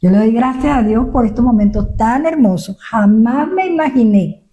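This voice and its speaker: A woman's voice: fairly high pitch, lively intonation, moderate pace, dark tone. An older woman from Venezuela with a Venezuelan accent, a pastor speaking humbly as a guest in a church interview. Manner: humble, affirming amens.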